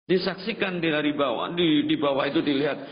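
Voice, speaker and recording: Dramatic Indonesian-style preacher man, echoing hall. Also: a little fast. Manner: dramatic storytelling, acting out the figures with big pitch swings and chanted phrases. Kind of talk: storytelling sermon. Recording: dull reverberant hall sound.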